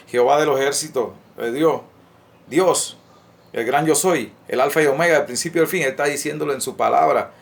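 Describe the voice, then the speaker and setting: A man's voice: mid-range voice, gravelly. A man giving an earnest, informal sermon, often stopping on fillers and restarts and asking his listeners rhetorical questions. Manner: earnest, repetitive, many hesitant restarts and fillers. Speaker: lay preacher. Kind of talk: informal preaching to camera.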